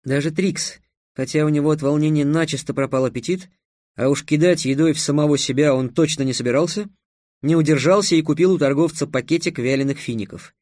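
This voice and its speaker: A man's voice: fairly high pitch, brisk, darkish tone, no room sound. Wry male audiobook narrator, dry sound. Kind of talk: scripted narration.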